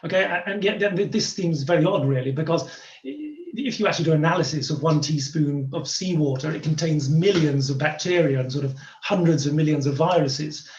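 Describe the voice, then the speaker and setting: A man explains things as an interview guest, in halting, conversational phrases. His voice is a little high for a man. The sound is clearly roomy and somewhat dull. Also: darkish tone. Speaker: company founder being interviewed. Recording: roomy, dull lo-fi call audio.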